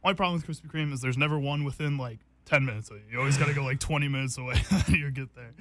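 A young man hosts a casual food taste test in a rambling, easygoing way. He laughs often and fills his talk with "like" and "um" as he goes, his voice sitting at an ordinary middle pitch. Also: rapid-fire, a crowd in the background. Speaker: host.

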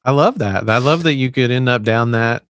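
Speaking at a normal speed in a mid-range voice, this Tennessee man guests on a casual podcast, his light Southern accent coming through as he rambles easily and leans on fillers. The remote-call audio has no echo.

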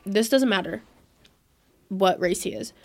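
A young woman in her late teens, co-hosting a casual chat and telling stories in an animated way, laughing often. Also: medium pitch, a little slow. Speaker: podcast co-host.

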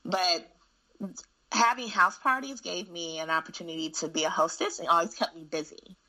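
This woman works in school administration and tells stories frankly in a casual conversation, her voice fairly low and her pace normal. She's an animated, candid storyteller who restarts often, and the recording quality is poor.

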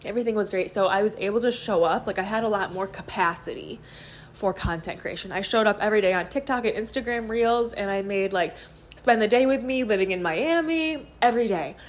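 Pacing her apartment, the host talks into a phone voice memo for her podcast, candidly rambling with lots of fillers as if journaling out loud. Her medium-pitched voice moves fairly quickly over a little hiss or hum.

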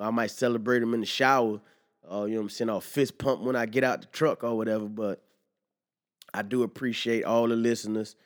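A young man talks through his podcast in a loose, rambling monologue. He is full of slang and swearing, and keeps circling back with "you know what I'm saying". His voice sits at an ordinary mid pitch. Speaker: podcast host. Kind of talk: casual monologue.

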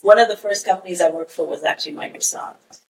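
Woman in her 40s from kenya, lowish voice, kinda distant from the mic, easygoing chat. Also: fast, slight background noise. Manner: relaxed storytelling with frequent "you know". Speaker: podcast guest. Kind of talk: casual conversation.

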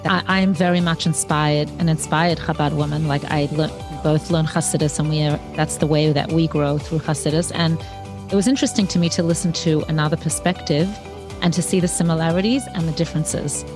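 Low-voiced woman co-host over music. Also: steady tone, fairly quick. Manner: enthusiastic and conversational. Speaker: podcast co-host. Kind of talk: casual podcast talk.

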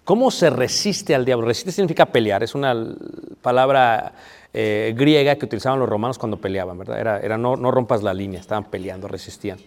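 A man's voice: medium pitch, fast talker. A man preaching a marriage sermon, conversational and playful, asking the audience questions. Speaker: pastor. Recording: long reverb of a hall.

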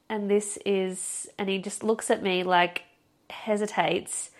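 A young woman hosting a podcast, telling a story in a casual, expressive way, with lots of "like" and the odd swear. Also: medium pitch. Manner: chatty, expressive, heavy use of "like" and swearing. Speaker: podcast host.

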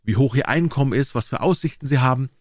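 A man's voice: medium pitch, fast talker, no echo, clean studio sound, voice pushed up, lightly acted. A man voicing a worldly male painter who teases his friend, in a droll, lightly mocking way, in a storybook reading. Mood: amused.

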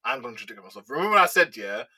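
A young man, co-hosting a casual football chat in excitable, slangy banter. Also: medium pitch, rapid-fire, husky. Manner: excitable slangy banter, says bro a lot. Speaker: podcast co-host.

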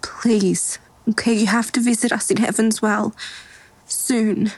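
A woman's voice: a little high, fairly even intonation, a little slow, husky, dry recording, poor audio. A woman playing a tired young mother in a whispered role-play. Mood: anxious. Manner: whispers softly to keep quiet.

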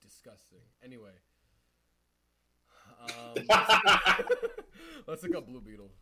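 A young man co-hosting a casual podcast, rambling in slang as he reacts to movie trailers. His pitch swings around a lot as he talks. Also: wildly swooping pitch, slow, crowd noise, low-quality recording. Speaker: podcast co-host.

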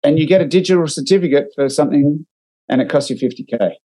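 Speaking fast in a warm, slightly high voice, an Australian podcast co-host and digital marketer discusses marketing on a remote call. He reads clips aloud and critiques them with wry, dry humor, and the audio is poor.

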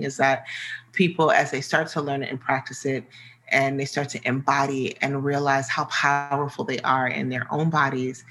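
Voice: medium pitch, sharp tone, slight background noise, poor audio. An interview guest from the American Midwest, explaining earnestly and searching for the right words. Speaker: interview guest, sex coach. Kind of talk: casual interview conversation.

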